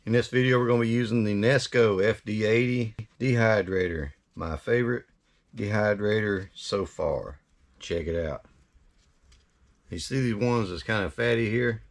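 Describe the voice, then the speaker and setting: A man's voice: on the low side, normal speed. A man giving a casual recipe demonstration as a cooking host, folksy and chatty, often half talking to himself.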